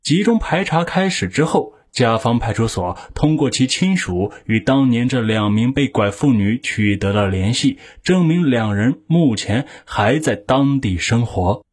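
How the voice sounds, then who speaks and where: A man reading scripted true crime narration in a measured, factual way, as a storyteller of criminal cases. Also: medium pitch, lively intonation, darkish tone, husky.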